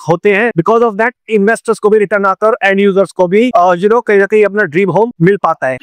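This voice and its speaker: A man's voice: high voice, clean tone, no room sound. A man with an Indian accent presenting a real estate analysis in Hindi sprinkled with English, often saying "you know" and "theek hai". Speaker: real estate channel founder presenting a project. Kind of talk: explanatory property analysis.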